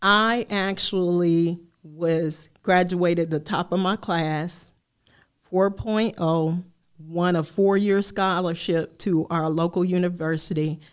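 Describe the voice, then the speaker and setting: A middle-aged woman, a life coach, speaking candidly and in measured phrases as a guest in a podcast interview. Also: on the low side, fairly even intonation, clear, resonant tone.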